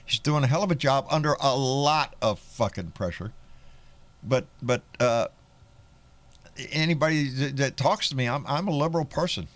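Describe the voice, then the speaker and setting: A man's voice: medium pitch, moderate pace. A man with a Texan country twang hosting a live political chat show, folksy and profane, often restarting his sentences. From Texas. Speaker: host.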